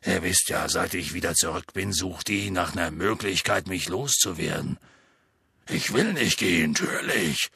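A man voicing a gruff, nervous giant gamekeeper in an audiobook, with halting, clipped speech. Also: sits low, pushed and bright, dry recording, voice pushed down, full character voice. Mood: indignant. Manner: hesitant, halting. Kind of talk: audiobook character voice.

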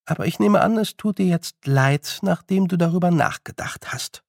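Man doing a young witch girl, calm, firm, commanding, gravelly, dry close sound. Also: high-pitched, normal speed, no room sound, voice pushed up. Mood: sweetly menacing. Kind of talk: audiobook character voice.

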